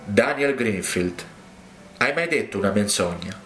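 A male preacher quoting God as a solemn judge on a throne, speaking slowly and gravely. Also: on the low side, animated, fairly bright tone, faint music behind. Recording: roomy echo.

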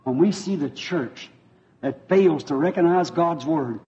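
Preacher guy, folksy and fervent, mellow voice kinda high, muffled old tape sound. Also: slow. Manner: fervent, folksy, repeats himself. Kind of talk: revival sermon with interpreter. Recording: dull lo-fi old sermon tape.

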